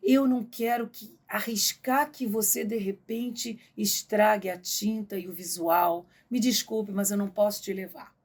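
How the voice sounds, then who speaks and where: A woman's voice: medium pitch, fairly even intonation, unhurried, few pauses, darkish tone, natural voice. Woman voicing fussy, vain character. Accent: Brazilian Portuguese. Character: vain figure fussing over fresh paint.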